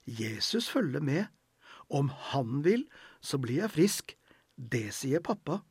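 A frail, devout young girl who whines and pleads, put on by a male narrator. The voice sits a little higher than his own and keeps a husky grain. Dry, close storybook recording with no room sound. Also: sing-song, a little mellow, no echo, full character voice. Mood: shocked. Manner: whiny, pleading.

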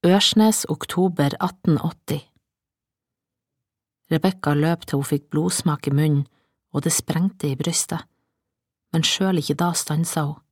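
A woman narrating an audiobook in a calm, measured storytelling manner. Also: deep voice, no echo, studio quality. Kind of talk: scripted narration.

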